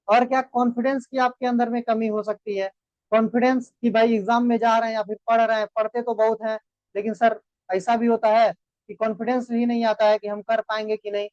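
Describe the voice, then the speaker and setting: A man's voice: extremely high pitch, dry recording. Lecturing male biology teacher. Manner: lecturing, addresses students as beta; repeats "thik hai na" checks. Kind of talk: motivational class talk. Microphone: online class mic. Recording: dull dry sound.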